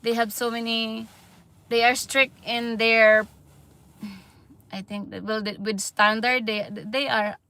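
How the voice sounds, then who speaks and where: This livestream vlogger, a Filipino-accented woman in her thirties from the Philippines, speaks in a slightly high, level, sharp voice. Her casual chat is halting, full of fillers and restarts, and she laughs frequently.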